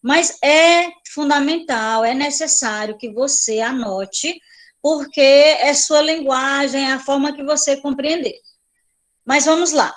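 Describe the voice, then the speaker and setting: A woman's voice: high-pitched, slow. A woman teacher giving an online class, explaining patiently, repeating points and checking in with her students.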